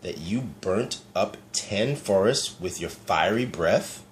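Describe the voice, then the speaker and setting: A brave, quick-witted young princess from a picture book, as a man reading aloud puts her on. Her lines sit a little above the reader's own low voice, with an eager, lively lift. It is still plainly a grown man's voice. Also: a little hiss or hum. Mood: cheerful. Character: bold, clever young princess.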